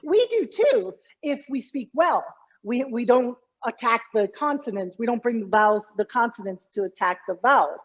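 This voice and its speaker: A woman's voice: on the high side, lively intonation, moderate pace, few pauses, muffled recording. Emphatic woman communication coach. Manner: emphatic, teacherly. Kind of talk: explaining as interview guest.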